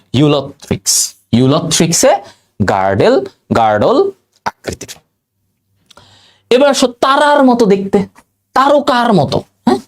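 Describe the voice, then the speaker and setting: A man's voice: on the high side, a little mellow. A man teaching biology for exam prep, quizzing his students and drilling memory tricks by repetition. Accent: Bangladeshi Bengali. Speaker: biology tutor.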